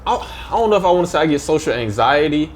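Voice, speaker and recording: A young man from Georgia talking fast and slurring his words as a podcast guest, with many fillers. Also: a little high, sing-song, a little hiss or hum. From Georgia, USA. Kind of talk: casual podcast chat.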